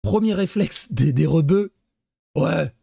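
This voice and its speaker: A man's voice: fairly high pitch, lively intonation, slow, gravelly, dark tone, husky, dry recording, studio quality. Sarcastic man streaming reaction commentary. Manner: sarcastic, mocking asides; reads chat messages aloud. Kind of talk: casual live-stream commentary.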